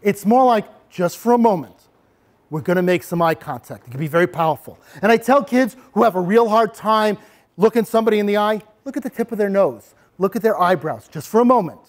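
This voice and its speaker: A man presenting a bully prevention workshop to parents and children, animated and acting out examples as he goes. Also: sits high, fairly quick. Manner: animated, acts out examples with sudden voice changes. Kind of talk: interactive workshop talk to parents and kids.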